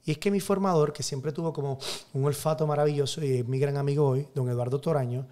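A man's voice: fairly high pitch, fairly even intonation, fast, mellow, slight background noise. A man who is a priest, telling a personal story emphatically in an interview and acting out the dialogue.

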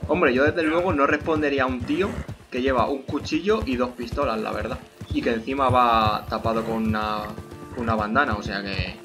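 A young man with a Spain Spanish accent giving casual gameplay commentary, swearing freely and bursting into shouts. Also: medium pitch, fairly even intonation, a little fast, music in the background. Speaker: gaming youtuber.

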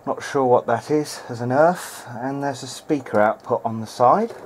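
Speaking at a normal speed in a mid-range voice, the hobbyist gives casual commentary on his bench repair while thinking aloud with hesitation. Background noise is present in this video-diary clip from an indoor workbench.

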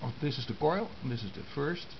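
Through the hiss and muffle of a compact camera's onboard microphone, a man from the Netherlands explains hand-drawn diagrams for fellow radio amateurs. His mid-range voice has lively intonation, though he speaks in short, hesitant phrases with frequent pauses.

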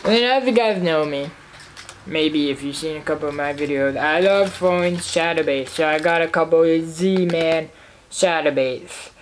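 A young man casually showing off fishing tackle he bought, talking in a halting, rambling way with lots of fillers, recorded at home in his living room. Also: on the high side, a little hiss or hum, rough recording. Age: young adult. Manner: rambling, halting, repeats himself with many fillers. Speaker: fishing vlogger. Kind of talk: casual tackle haul show-and-tell.

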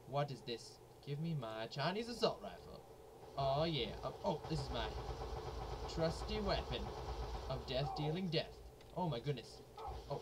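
A man giving jokey, excitable let's play commentary, often repeating himself as he plays. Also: mid-range voice. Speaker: gaming YouTuber. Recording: noisy home recording.

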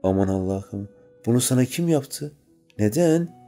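A man's voice: mid-range voice, lively intonation, unhurried, mellow, faint music behind, pitched above the performer's own voice, close to an everyday voice. A man voicing a frightened young woman captive, pleading desperately in an audiobook.

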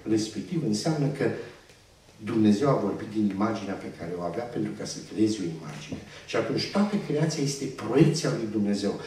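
Lively preacher in an echoey church. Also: male voice, medium pitch. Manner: teaching with questions to the congregation. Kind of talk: sermon. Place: church hall. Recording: echoey church room, distant mic.

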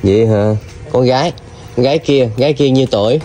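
A man's voice: mid-range voice, a little fast. Coaxing man interviewer. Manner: gentle, coaxing questions with many fillers. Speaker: vlogger interviewing a child. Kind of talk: casual street interview. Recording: outdoor video with noticeable background noise.

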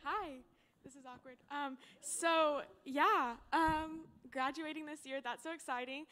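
A woman's voice: high voice, a little slow, bright, forceful tone. Bubbly nervous young woman speaker. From Oklahoma, USA. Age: young adult. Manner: nervous, bubbly, full of fillers. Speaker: graduating senior speaker. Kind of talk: informal chapel talk.

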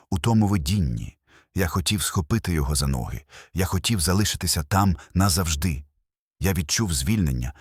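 An older man tells his personal testimony in a very low, husky voice. His delivery is earnest and emotional, with short phrases and a lively rise and fall of pitch. The sound is dry and close. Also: dry recording. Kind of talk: first-person testimony narration.

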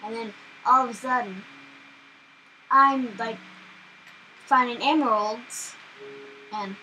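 A young woman hosting a gaming channel, chatting casually and excitably while she plays, often startled. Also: fairly high pitch, slow, a little hiss or hum, low-quality recording. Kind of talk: casual gameplay commentary.

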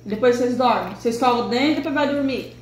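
A woman chatting casually with a small child, explaining and gently instructing. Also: a little high, fast talker. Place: indoor home kitchen. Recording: echoey noisy kitchen, clinking cutlery.

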